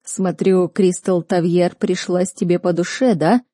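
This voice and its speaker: A woman's voice: lowish voice, fairly even intonation, measured pace, mellow, no echo, clean studio sound. A woman reading an audiobook, voicing a stern, furious male academy rector who barks and scolds. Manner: barking, scolding.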